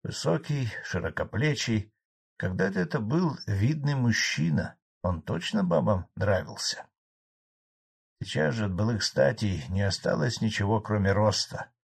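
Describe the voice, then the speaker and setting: Husky male audiobook narrator. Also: on the low side, expressive, unhurried. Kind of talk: first-person narration of a novel.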